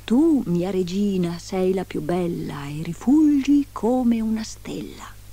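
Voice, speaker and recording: A magic mirror from a storybook, answering in a slow, measured, solemn voice, as a woman narrator puts it on. Each word is drawn out. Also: medium pitch, expressive, mellow, breathy edge, exaggerated voice.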